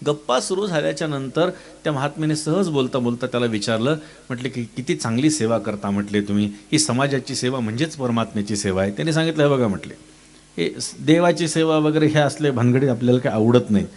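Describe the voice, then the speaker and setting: A middle-aged man preaching a storytelling sermon in Marathi style, acting out each character's lines with sudden jumps in pitch and clearing his throat now and then. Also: a little mellow. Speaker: kirtan preacher.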